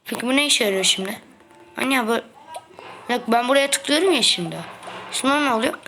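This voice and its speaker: A young woman playing a mobile game and giving excitable, trash-talking commentary, playfully complaining as she goes. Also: fairly high pitch, fairly quick, slight background noise. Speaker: gaming video host. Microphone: phone.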